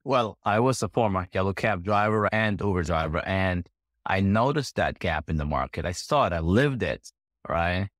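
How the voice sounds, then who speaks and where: A man from Guyana answering interview questions as a guest entrepreneur, relaxed and easygoing. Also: low voice, moderate pace, no echo, clean studio sound. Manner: relaxed, repeats "right?" and laughs easily.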